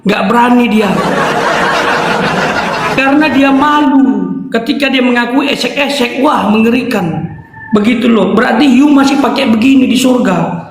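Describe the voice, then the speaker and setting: A pastor with a very high, gravelly man's voice rebuts his opponent in an emphatic, mocking way. His words ring out with a long hall reverb around them. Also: moderate pace, slight background noise. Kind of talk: preaching rebuttal.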